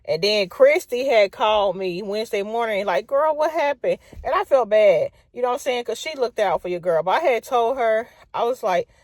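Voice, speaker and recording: A woman telling a casual storytime and venting in an animated, exclaiming way. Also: mid-range voice, a little fast, hardly any pauses, dry recording.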